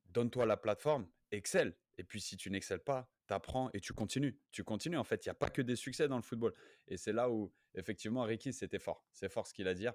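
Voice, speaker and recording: A low-pitched man co-hosting a relaxed podcast talk, recorded close and dry with no room sound. He talks in animated bursts, restarting sentences and checking in with his listeners. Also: no echo. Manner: animated, thinks aloud with restarts and frequent "tu vois". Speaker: podcast co-host. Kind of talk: casual podcast discussion.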